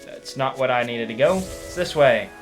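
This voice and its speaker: A man narrating his own game playthrough in a relaxed, casual way, with chuckling asides. His voice sits at an ordinary pitch, and game music plays softly behind him. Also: moderate pace. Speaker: let's play host.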